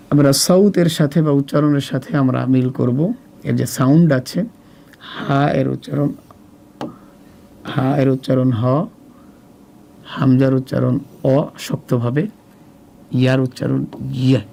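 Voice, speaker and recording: A Bangladeshi Bengali-accented man teaching Arabic letters to children, slowly and patiently, repeating each letter as he points. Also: medium pitch, gravelly, dark tone. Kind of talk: step-by-step workbook lesson.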